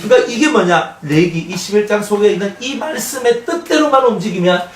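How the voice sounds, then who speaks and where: A male pastor preaches in a lively, high-pitched voice that swings widely and keeps asking the congregation questions. He is picked up from a distance in an echoey church, with a faint hiss behind him. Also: brisk. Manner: animated, conversational, often laughing. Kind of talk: expository sermon. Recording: echoey room, mic at a distance, faint noise.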